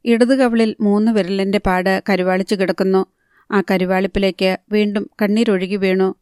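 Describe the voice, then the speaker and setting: A woman narrating an audiobook novel in a calm, steady reading voice. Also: medium pitch, normal speed, smooth, no echo, studio quality. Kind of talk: scripted narration.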